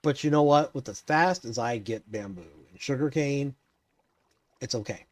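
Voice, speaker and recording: A man's voice: mid-range voice, moderate pace, no room sound. Tired man rambling through game commentary. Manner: talks to himself while building, relaxed and rambling. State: tired, yawning. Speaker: video game player.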